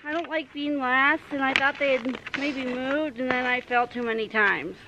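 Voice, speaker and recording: A cheerful young woman with a high, bright-sounding voice, speaking outdoors on a snowy trail. Clear outdoor noise sits under her words. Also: steady tone, moderate pace. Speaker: vlogger's sister. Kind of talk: casual chat.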